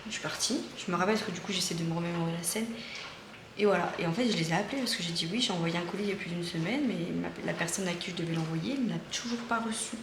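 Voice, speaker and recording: A woman in her thirties chats into her phone camera at home in a loose, rambling way, full of fillers and restarts. The room sounds echoey, with steady background noise under her voice. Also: lowish voice, very fast. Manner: chatty storytelling with many fillers. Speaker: vlogger. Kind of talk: casual vlog chat. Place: family home.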